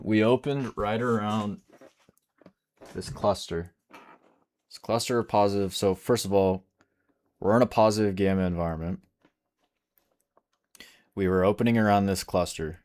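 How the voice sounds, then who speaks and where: Low-voiced man explaining trading charts. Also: measured pace, long pauses, darkish tone. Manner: casual, explanatory, repeats points, reads chat questions. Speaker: day trader streaming live. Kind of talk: live trading stream, explaining charts and answering chat.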